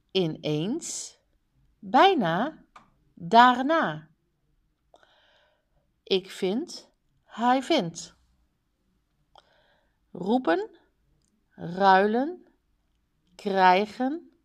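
Woman, reading aloud, word drills, very slow, deliberate. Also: mid-range voice. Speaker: reader.

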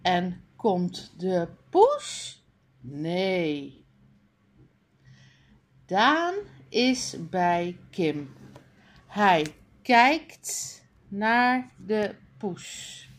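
Female reading teacher; unhurried, deliberate delivery, clearly sounded-out words, animated pitch. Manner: clearly sounded-out words with pauses between them. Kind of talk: slow read-aloud of a beginner reading lesson.

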